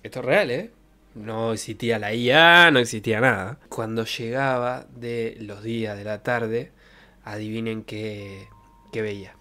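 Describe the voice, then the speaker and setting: A young adult man with a lowish, pushed, bright voice keeps a measured pace and fairly even intonation while streaming. In a Santa Fe Argentine accent, he chats colloquially and tells jokey stories about the past. The audio is from a close desk mic with a pop filter in his bedroom setup.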